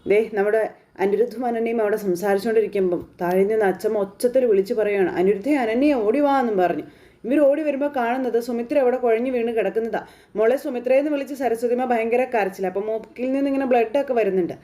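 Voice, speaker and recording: A woman's voice: on the high side, fast talker, warm tone. A woman casually retelling a TV serial episode, chatty and colloquial, stringing events together with frequent fillers. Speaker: serial recap narrator.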